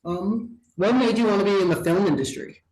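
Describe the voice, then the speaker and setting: A young man in his early twenties from Wyoming, hosting a podcast and asking questions in an upbeat, relaxed way. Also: high voice, fairly quick, reverberant, rough recording. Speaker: podcast host. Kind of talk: casual interview chat.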